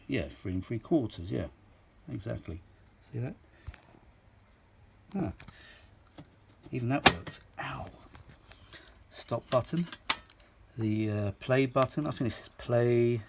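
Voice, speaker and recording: A middle-aged or older man with a medium-pitched, darkish voice chats freely while showing a vintage audio machine, and a little hiss or hum can be heard. He rambles, exclaims and repeats himself for emphasis in this casual show-and-tell.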